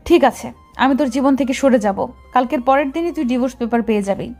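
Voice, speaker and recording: A woman voicing a jealous, hot-tempered young wife in an audio story who hurls angry, shrill insults. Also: fast talker, a little mellow, soft background music. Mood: accusing. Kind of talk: Bengali audio story acting.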